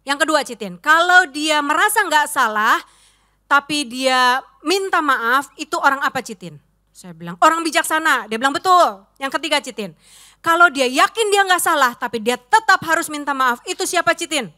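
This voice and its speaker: Bright, lively woman pastor preaching. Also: sits high, moderate pace. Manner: animated storytelling, acting out quoted voices; addresses the congregation as "saudara". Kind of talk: sermon with anecdotes.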